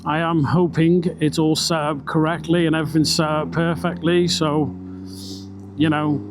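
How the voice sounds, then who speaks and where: A British vlogger with a voice on the high side chats at a moderate pace and a level tone, rambling and swearing a bit as he rides a motorbike outdoors on country roads. The helmet mic makes him sound enclosed, with engine, wind and road noise plus music in the background.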